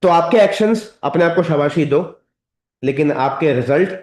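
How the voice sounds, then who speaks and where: A man with an Indian accent delivers a motivational training talk in a roomy, echoey hall. His voice sits a little high for a man, and he lectures his audience directly, pressing each point home. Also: lively intonation, moderate pace, a little mellow. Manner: direct, lecturing, addresses audience as sir and madam.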